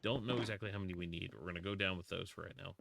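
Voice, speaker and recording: A man's voice: deep voice, fairly even intonation, racing, gravelly, slight background noise. A man chatting casually with his live-stream chat while playing a block-building game, greeting viewers and joking about himself. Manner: chatty, self-deprecating, greets chat warmly.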